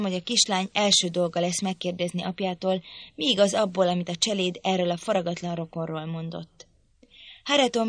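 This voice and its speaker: A lowish-voiced woman reads a classic novel aloud for an audiobook, keeping her storytelling steady and measured. There is no room sound.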